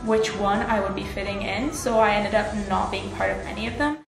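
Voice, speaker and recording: A woman's voice: medium pitch, fairly even intonation, a little fast, over loud music. A young woman from Turkey, an international student, answering interview questions in a thoughtful, hesitant way. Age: young adult. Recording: echoey room.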